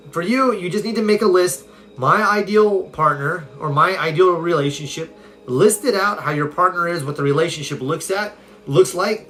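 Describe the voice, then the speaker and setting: Upbeat man, slightly high voice. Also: fairly bright tone. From California. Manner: upbeat, conversational, reads viewer comments aloud. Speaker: self-help coach. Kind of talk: casual live-stream Q&A. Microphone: phone.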